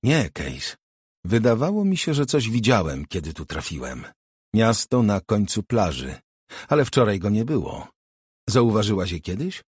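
Casting: a man reading a clipped, edgy young guy, low and husky. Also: sing-song, moderate pace, no echo. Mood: tense. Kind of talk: audiobook character voice.

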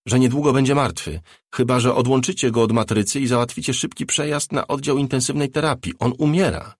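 A man voicing a furious, desperate young woman in an audiobook, his voice raised and shrill. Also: fairly quick, no echo, studio quality, close to an everyday voice. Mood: angry. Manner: shrill and screaming when angry.

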